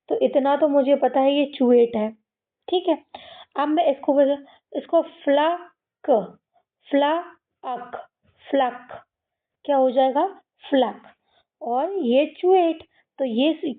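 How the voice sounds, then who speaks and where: Woman, phonics teacher for kids, high voice, tinny phone-like sound, repeats and quizzes. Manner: repeats each sound and asks the children questions. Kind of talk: slow explanatory lesson to children.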